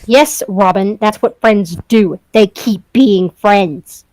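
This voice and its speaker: A woman's voice: medium pitch, normal speed, darkish tone, no echo, lightly acted, poor audio. A woman voicing a bitter young male musician in a story game, with clipped, dismissive lines. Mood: irritated. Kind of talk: reading a story game aloud.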